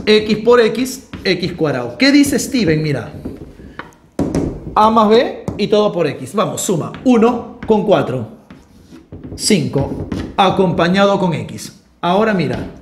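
A man teaching math in a lively, joking, coaxing way. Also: high voice, noisy background. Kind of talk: animated math lesson.

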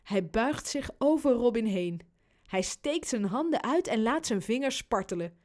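A woman reading a children's storybook aloud, in an expressive, unhurried storytelling manner. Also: fairly high pitch. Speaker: audiobook narrator.

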